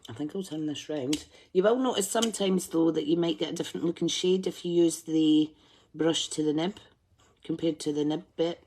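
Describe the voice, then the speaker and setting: A woman hosts a live colouring tutorial, chatting, thinking aloud, and humming to herself as she concentrates. Her voice is low, mellow, and husky, with a moderate pace.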